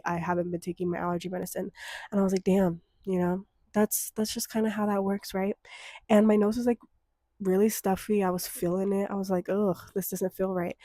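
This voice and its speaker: With a darkish, medium-pitched voice, a young woman rambles through casual chat on her own podcast, leaning on lots of ums and likes. A cold leaves her sounding slightly congested and stuffy, with a lingering cough, though the audio is clean studio sound without room sound.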